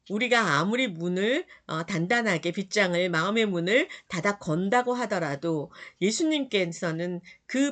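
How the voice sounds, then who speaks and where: A woman's voice: lowish voice, a bit bright. A woman pastor giving an earnest daily devotional sermon, often turning to her listeners with questions.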